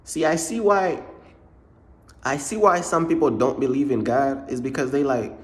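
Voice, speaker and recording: A man's voice: mid-range voice, normal speed. A young man from Uganda telling a rambling storytime vlog about his faith, peppering his talk with "bruh" and "bro.". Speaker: faith vlogger.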